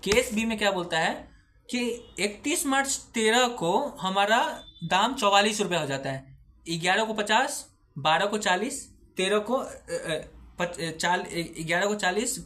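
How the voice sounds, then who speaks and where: A man's voice: high voice, expressive, normal speed, sharp tone. A man giving a recorded accounting lecture who patiently asks questions and answers them himself, mixing English terms into his speech.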